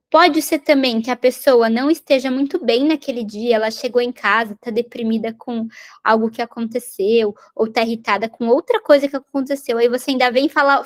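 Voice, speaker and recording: A woman with a high voice gives a recorded parenting lesson. She explains each point patiently, rephrasing and checking in with the listener as she goes. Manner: explanatory, repeats and rephrases points, tag questions. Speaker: parenting educator. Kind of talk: recorded lecture on parenting skills.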